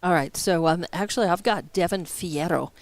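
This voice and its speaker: A woman's voice: on the low side, moderate pace, no echo. A woman doing color commentary at a local baseball game, friendly and conversational with rambling asides.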